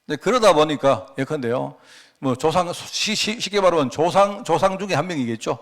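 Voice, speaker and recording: A middle-aged pastor preaches in church, his pitch a little raised and swinging widely as he tells a story. He keeps asking the congregation rhetorical questions and restarts his sentences as he goes. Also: animated, brisk. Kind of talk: sermon.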